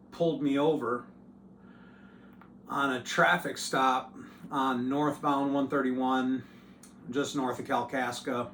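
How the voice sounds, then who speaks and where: A man who hosts his own channel, telling a story to camera in a loose, profane and animated way. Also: medium pitch, echoey room, slight background noise. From United States. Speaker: channel host.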